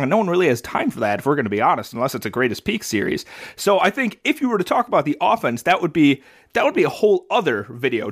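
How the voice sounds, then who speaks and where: A man from the American Midwest co-hosting a podcast, chatting casually in a deadpan, sarcastic way with stammered restarts. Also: high-pitched. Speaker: podcast co-host. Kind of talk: casual chat.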